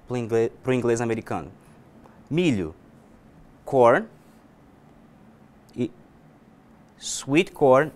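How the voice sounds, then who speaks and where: A Brazilian man with a Brazilian Portuguese accent gives a recorded online class on English vocabulary. His voice sits at an ordinary middle pitch for a man. He explains patiently and slows down to model each English example word. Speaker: English teacher.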